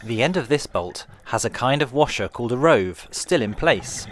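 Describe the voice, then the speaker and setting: A man narrating a scripted guided tour in a calm, measured, explanatory way, like a museum guide. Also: medium pitch, a little hiss or hum. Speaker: tour guide narrator of a shipwreck dive trail.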